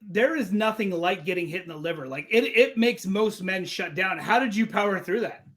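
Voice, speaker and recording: A man's voice: high-pitched, normal speed, a bit bright. A man hosting a casual interview, chatty and rambling, full of "like" and restarts. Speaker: interview host.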